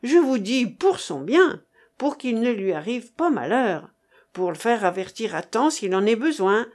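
Woman voicing male former umbrella seller, pompous, eager, lively pitch. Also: measured pace. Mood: placating.

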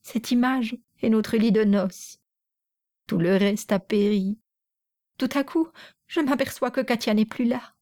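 A woman's voice: a little slow, dark tone, close to an everyday voice. Woman doing a sobbing, pleading young mother. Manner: high, wailing and tearful.

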